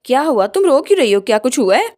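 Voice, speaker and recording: A woman's voice: sits high, big pitch swings, fast talker, a little mellow. A woman voicing a small boy who clings and pleads tearfully, in a storybook retelling. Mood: worried. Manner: pleading, childlike.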